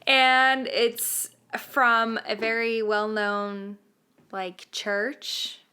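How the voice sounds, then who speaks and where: A woman co-hosting a casual podcast tells her story with a clear, bright tone. She laughs a lot and sinks into a near whisper when things get tense. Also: a little high, very slow. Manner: animated, laughs often, drops to a hush for tense moments. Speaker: podcast co-host.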